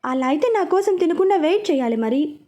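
A woman's voice: high-pitched, animated, fairly quick, dark tone, muffled recording, voice pushed up. A woman reading a story, voicing a young man who coaxes and apologizes to his fiancée. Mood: tender. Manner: coaxing, apologetic.

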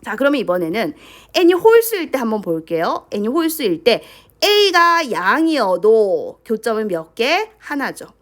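A woman teaching a high school math lesson, who keeps asking her students questions and prompting them along. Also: very animated, unhurried. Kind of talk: lecture to students.

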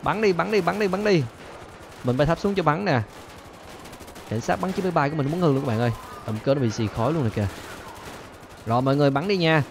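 A man hosting a gaming channel, chattering excitedly to viewers as he plays and repeating his phrases, with faint game gunfire behind him. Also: a little high, fast talker, creaky, pauses often, noisy background. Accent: Vietnamese. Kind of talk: excited gameplay commentary.

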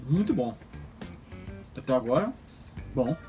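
A Brazilian woman with a low voice talks casually while chewing gum, commenting on the taste as she goes. She speaks like a chatty vlogger. Music plays clearly behind her. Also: very animated, measured pace, dark tone. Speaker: vlogger tasting sweets. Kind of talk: casual on-camera chat. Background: music playing.

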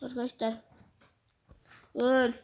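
Woman narrating her game for viewers, pretty high voice, takes her time, faint hiss behind. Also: little pitch movement, slow pace, lo-fi sound. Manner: talks straight to viewers, yelps commands, drops to hushed asides. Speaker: gaming video host. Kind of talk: excited gameplay commentary.

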